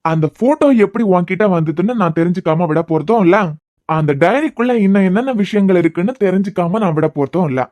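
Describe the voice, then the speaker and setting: A man's voice: high voice, lively intonation, fast talker, darkish tone, no room sound. A man voicing a teasing, persistent young man in a Tamil cartoon series with a Kanyakumari accent. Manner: teasing, pressing questions. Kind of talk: cartoon web series voice acting.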